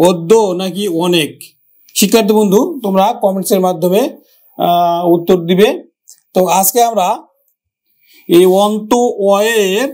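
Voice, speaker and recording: A man with a Bangladeshi Bengali accent teaching a grammar lesson for exam preparation, slowly repeating words and their pronunciations. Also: sits high, mellow. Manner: slow, drawn-out repetition of words.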